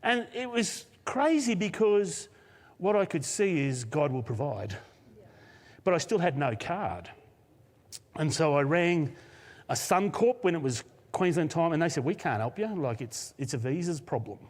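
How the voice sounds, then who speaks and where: A man with an Australian accent, a senior pastor, telling a personal story in a live sermon with lively laughs. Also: fairly high pitch, a little slow. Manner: animated storyteller, laughs often. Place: church auditorium, live service. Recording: long hall reverb.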